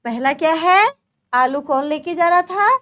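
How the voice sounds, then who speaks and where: A woman's voice: high-pitched, lively intonation, unhurried, fairly bright tone. A woman teacher explaining a children's textbook lesson, patiently asking questions and answering them herself. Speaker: primary school teacher.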